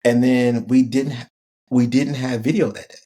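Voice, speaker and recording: A man's voice: medium pitch, normal speed. Laid-back man telling a story. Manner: relaxed, laughing, lots of "like" fillers. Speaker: podcast guest, former college football player. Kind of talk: casual storytelling interview.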